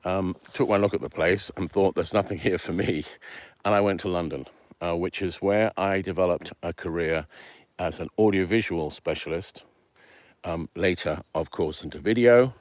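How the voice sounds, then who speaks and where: Speaking in a low voice at a moderate pace, a middle-aged channel host from Venezuela recounts his background in a loose, rambling style full of ums and uhs. The recording is dry.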